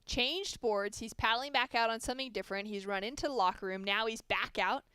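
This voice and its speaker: A woman calls a surf contest live, her voice smooth and resonant, sitting a touch high for a woman. The sound is close and dry, with no room around it. She talks in fluent, informative play-by-play. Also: fairly quick, sharp tone, no echo. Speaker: surf commentator. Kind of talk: live sports commentary.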